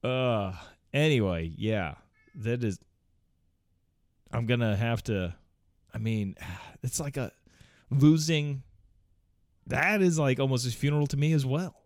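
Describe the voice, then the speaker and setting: A man in his thirties talks on a casual solo podcast at home, close to the mic. He rambles in a mid-pitched voice, stops and restarts often, and swears freely with frequent chuckles. The room sounds dry and dead. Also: dry recording. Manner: rambling, halting, many fillers and restarts. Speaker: podcast host.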